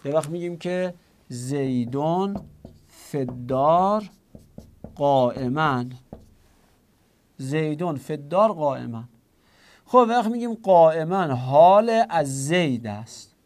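A man's voice: fairly high pitch, big pitch swings, a little mellow. Man lecturing with rhetorical questions. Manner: explains step by step with rhetorical questions; addresses students directly. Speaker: teacher. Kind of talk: classroom lecture on grammar.

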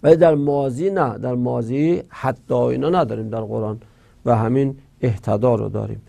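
A male teacher giving a grammar lecture, reciting verb forms in slow drills and posing rhetorical questions. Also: mid-range voice, gravelly, mellow.

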